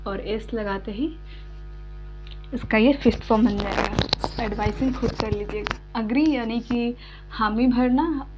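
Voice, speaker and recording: A woman teaching a spoken English lesson, explaining verb forms slowly with many repeated examples and coughing now and then. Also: on the high side. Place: home room with fan switched off. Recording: dull lo-fi recording with faint hum.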